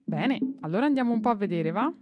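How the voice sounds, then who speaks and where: A woman voicing an old male gardener who is gruff with people but chats and teases his flowers. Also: on the high side, lively intonation, fast, muffled recording, faint music behind, pitched above the performer's own voice, natural voice. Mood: brisk. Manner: chatty and teasing with plants, brusque with people.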